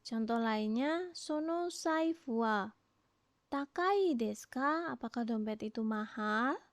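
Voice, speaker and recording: Slow high-voiced woman teaching a lesson. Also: expressive, no room sound. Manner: explains slowly, models phrases with rising question intonation. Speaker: Japanese language teacher. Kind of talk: recorded online lesson.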